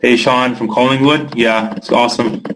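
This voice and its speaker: Against a noisy background, a young Canadian man with a Canadian accent speaks in a steady, mid-range voice at a moderate pace. As host of a live trading webinar, he reads out each viewer's question by name and responds casually, with plenty of filler.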